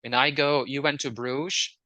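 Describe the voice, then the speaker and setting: A man's voice: mid-range voice, fairly even intonation, unhurried, pushed and bright, no echo, low-quality recording. A man from Belgium with a Flemish accent and Dutch as his native language, explaining things in casual conversation, often hesitating and repeating words. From Belgium, near the Dutch border. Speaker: interview guest.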